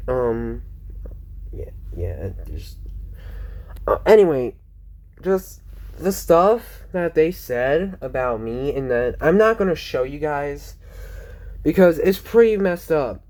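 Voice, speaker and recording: A man's voice: a little high, big pitch swings, slow pace, long pauses, darkish tone. Teen boy rambling on a home vlog, tons of ums and restarts, sounds kinda teary. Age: teens. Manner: rambling, many fillers and self-corrections. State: sounds close to tears. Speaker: vlogger.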